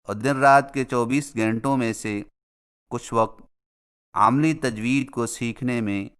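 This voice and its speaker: A man narrates a formal religious lesson in measured, carefully paced phrases. His voice is smooth and resonant, sitting at an ordinary middle pitch. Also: a bit bright. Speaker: religious instructor.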